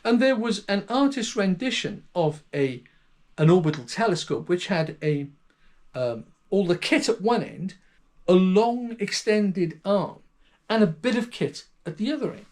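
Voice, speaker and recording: A man with a voice pitched higher than most men's talks to camera as the host of his own channel. His delivery is a musing, speculative monologue, stopping now and then to correct himself mid-thought. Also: animated, a little slow, a little mellow. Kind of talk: solo video monologue.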